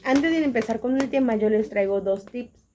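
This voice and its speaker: A young woman with a high voice explains English grammar step by step. She pauses on fillers and slows down to read her examples aloud. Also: warm tone, slight background noise. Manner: hesitant, many fillers and restarts, slows down to read example sentences.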